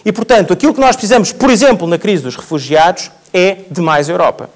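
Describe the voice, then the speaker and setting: A man with a high voice makes his case in a public debate. He argues point by point and keeps driving his message home by repeating it. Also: quick pace. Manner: argumentative, builds points by repetition. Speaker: panel speaker. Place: theatre stage.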